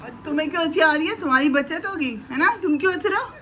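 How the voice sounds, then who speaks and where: A woman's voice: high-pitched, racing. A middle-aged woman chatting casually to viewers as she cooks breakfast in her home kitchen, speaking fondly to her sons, recorded on a handheld camera. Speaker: vlogger and mother. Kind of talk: casual cooking vlog narration.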